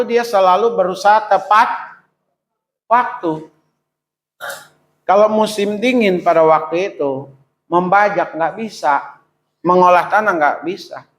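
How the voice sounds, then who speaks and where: A middle-aged man preaching a sermon, addressing the congregation directly with rhetorical questions and swinging between high pleading exclamations and low quiet asides. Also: low-quality recording. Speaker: pastor.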